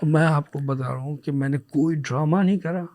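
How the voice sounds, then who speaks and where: A man with a notably high voice tells a personal story in a relaxed podcast conversation. He is anecdotal and lively, and acts out the dialogue as he goes. English words slip into his speech now and then. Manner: animated, acts out dialogue when retelling.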